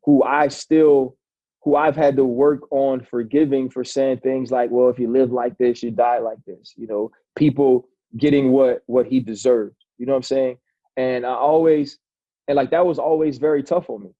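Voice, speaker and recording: A man's voice: mid-range voice, steady tone, moderate pace, no echo, dull audio. A man in his forties, a former football player, telling a long personal story in a casual interview, talking loosely with many restarts and calling the host "bro".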